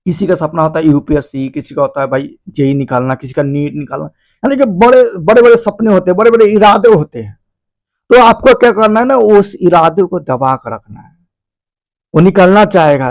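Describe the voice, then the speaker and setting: High, gravelly man explaining casually. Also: no room sound. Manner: conversational and repetitive, addresses listeners as "bhai". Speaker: video host. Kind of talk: casual spoken explainer of a self-help book.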